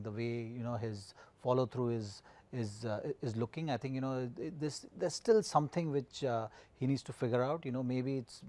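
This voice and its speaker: A man analysing cricket as a pundit, circling his points haltingly with repeated phrases. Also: mid-range voice, warm tone, no echo. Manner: halting, repetitive phrasing with frequent "you know". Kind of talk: studio match analysis.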